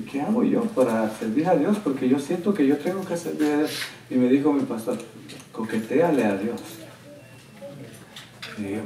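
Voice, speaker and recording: A male pastor delivering a sermon, telling stories with lively, animated quotes of others. His voice sits at a middle pitch and carries the echo of a large room. He is heard from some distance off the mic, with faint ambient noise behind him. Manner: animated storyteller, quoting others with raised excited voice. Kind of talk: sermon with storytelling. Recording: roomy church sound, from a distance.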